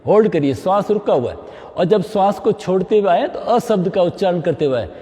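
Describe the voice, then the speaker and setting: A middle-aged man guides a yoga class, his voice high and lively as it rises and falls. The tone is mellow and a little husky. It carries a long reverb from a hall. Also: brisk. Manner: mixes English phrases into Hindi, frequent "है ना?" check-ins. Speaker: yoga instructor.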